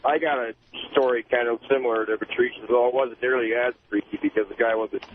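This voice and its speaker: A man's voice: mid-range voice, steady tone, quick pace. A man from Montana, a trucker, calls into a radio show and tells a casual story. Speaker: caller, trucker. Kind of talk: phone-in anecdote. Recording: tinny phone line with faint hiss.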